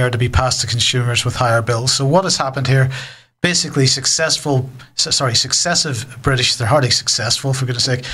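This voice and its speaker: A man's voice: mid-range voice, fairly bright tone. A man co-presenting a news show, commenting on articles in a discursive way, correcting himself as he goes.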